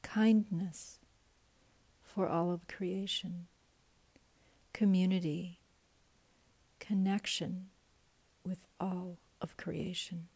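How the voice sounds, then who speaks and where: A woman leading a guided meditation in a soft, breathy voice that often drops to a whisper. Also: fairly low pitch, fairly even intonation, drawn-out words, pauses often.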